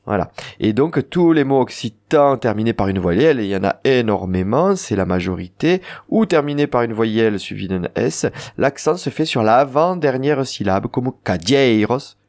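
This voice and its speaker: A man's voice: medium pitch, expressive, normal speed, hardly any pauses, darkish tone. Male Occitan teacher, southern French accent, patient and explanatory. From southern France. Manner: patient, explains rules with spoken examples. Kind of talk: radio language lesson.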